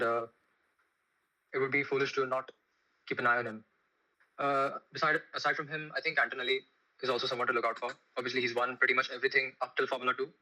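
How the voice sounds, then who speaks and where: A seventeen-year-old racing driver, calm and thoughtful on a podcast video call. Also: male voice, mid-range voice, rough recording. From Mumbai.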